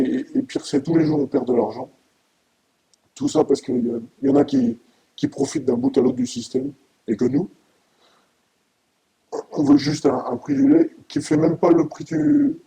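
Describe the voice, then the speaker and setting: A middle-aged dairy farmer giving an anonymous interview, his voice disguised by being pitched down deep, speaking haltingly and emotionally with many restarts. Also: creaky, warm tone, low-quality recording.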